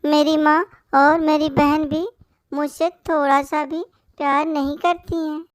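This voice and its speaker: A woman's voice: sits high, level tone, unhurried, dry recording, studio quality. A woman voicing a sad, sweet young female sparrow in a cartoon. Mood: sorrowful. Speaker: voice actor for a cartoon story.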